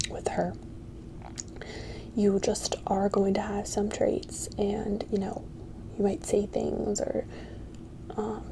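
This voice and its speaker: Woman doing whispered asmr affirmations like a pep talk, soft slow n crackly, encouraging. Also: mid-range voice, vocal fry. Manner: whispered, soft-spoken and halting; reassuring, encouraging. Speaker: ASMR creator.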